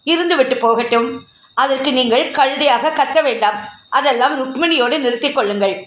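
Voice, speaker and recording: A woman voicing a sharp-tongued young woman. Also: high-pitched, reverberant. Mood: indignant. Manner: quick, cutting retorts.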